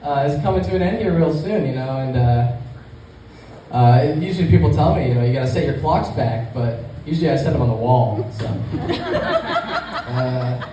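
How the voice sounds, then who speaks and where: A man's voice: medium pitch, lively intonation, moderate pace, dark tone. A young man doing amateur stand-up comedy in front of an audience, with a hesitant, rambling delivery. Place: echoey room in front of a small live audience. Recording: echoey room from far off, clear background noise.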